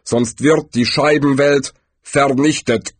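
A man voicing Death as a calm, weary, unhurried figure in an audiobook. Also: mid-range voice, breathy edge, no room sound, voice pushed up.

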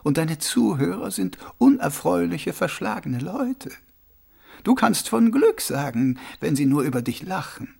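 A serene old monk who sweeps floors for pennies, as a male narrator puts him on, speaking in a raised, gravelly voice. He takes his time over every phrase, gently amused and reassuring. The voice swoops up and down with a husky edge. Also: on the high side, very animated, voice pushed up, heavily acted. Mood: calm, amused. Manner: slow, gently amused, soothing. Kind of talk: audiobook character voice.

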